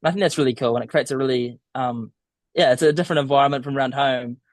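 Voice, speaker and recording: A man's voice: medium pitch, fast talker, no room sound, studio quality. A young man with a broad southern New Zealand accent, chatting informally and a little hesitantly as an interview guest. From small town in southern New Zealand. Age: young adult. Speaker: podcast guest, student abroad. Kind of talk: casual interview.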